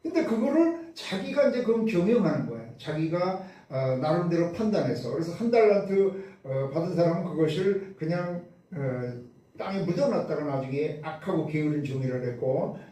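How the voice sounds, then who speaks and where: Korean pastor preaching in a very echoey church. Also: male voice, on the high side, lively intonation, normal speed, mellow, a little hiss or hum. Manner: emphatic, asks the congregation questions and answers them himself. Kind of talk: sermon. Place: church sanctuary. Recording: very echoey hall, voice from a distance.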